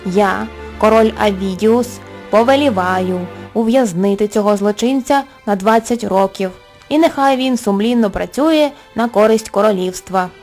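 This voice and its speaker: A woman's voice: mid-range voice, normal speed, darkish tone, soft background music, natural voice. A solemn old king decreeing, as a woman reads him. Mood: commanding. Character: stern commanding old male king.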